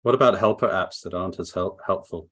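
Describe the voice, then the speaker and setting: A man's voice: low voice, fast, fairly bright tone, slightly rough. A man in casual group chat, ranting with comic exasperation and some swearing.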